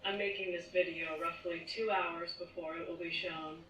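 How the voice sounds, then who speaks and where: A woman's voice: fairly low pitch, steady tone, moderate pace, a little hiss or hum, lightly acted. An actress playing a young woman reading a formal consent statement, in a composed, formal way. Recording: distant, roomy video audio with soft music.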